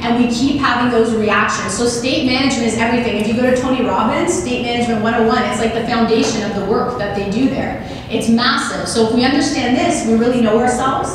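A woman in her forties giving a lively motivational keynote at a podium microphone, often asking the audience questions. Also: fairly high pitch, background noise. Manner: energetic, asks the audience questions, gestures a lot. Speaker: keynote speaker. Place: large banquet hall with audience. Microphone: podium microphone on a stand. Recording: echoey hall recorded from a distance.

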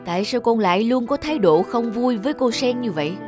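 Gentle, patient cartoon dad, soft and reassuring, voiced by a woman, music under. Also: fairly high pitch, animated, fairly quick, close to an everyday voice. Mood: soothing. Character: gentle widowed father, patient and loving. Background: background music.

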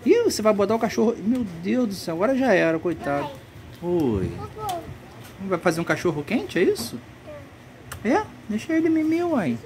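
A mother films her toddler playing at home on her phone, chatting casually in coaxing, sing-song baby talk mixed with playful scolding. Her voice is lowish and slightly mellow, with slight background noise.

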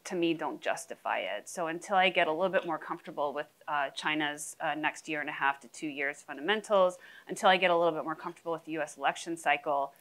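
A woman in her thirties, a research head, giving measured, frank answers on a conference stage through a lapel mic. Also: low voice, a bit bright, poor audio. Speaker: head of international research on a panel. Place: conference stage before a live audience.

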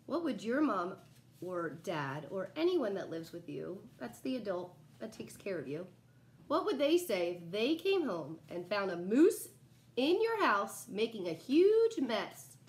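A young adult woman reads a children's picture book aloud like a teacher, animated and expressive, stopping to ask her young listeners questions. Her voice is medium-pitched. She's indoors in a small living room, recorded on a phone camera a short distance away.

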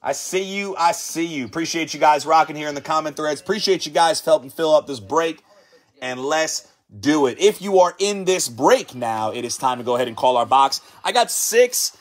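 A man's voice: a little high, lively intonation. A man hosting a live sports card break, hyped and chatty, calling out each card as he pulls it and hyping the viewers. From United States. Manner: hyped, repetitive catchphrases, rapid card call-outs.

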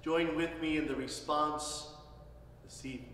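Male pastor, slightly high voice, very slow and solemn, in a cathedral echo with a faint hum of room noise. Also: fairly even intonation. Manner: measured, solemn, phrases fading softly at ends. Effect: cathedral-like echo, long church reverb. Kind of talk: Ash Wednesday sermon and liturgy. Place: large church. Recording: distant mic in echoey church hall.

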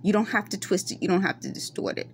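Talking fast in a mid-range voice with lively intonation and vocal fry, a middle-aged Bronx vlogger with a West Indian-tinged New York accent addresses her close-up phone camera at night in a dim room. She is earnest and insistent, explaining in circles in this casual monologue, and there is slight background noise.

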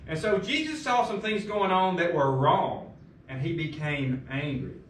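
High-voiced man preaching in an echoey room. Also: measured pace, a bit bright, distant mic, a little hiss or hum. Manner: emphatic preaching with rhetorical questions. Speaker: pastor. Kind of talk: sermon. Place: large carpeted church room with piano, indoors. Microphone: far room camera.

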